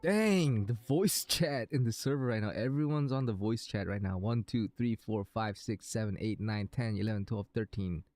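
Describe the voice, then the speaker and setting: A man's voice: on the low side, moderate pace, hardly any pauses, darkish tone, no room sound, faint music behind. A man streaming a game, chatting casually with viewers in a hesitant, rambling way, thinking aloud.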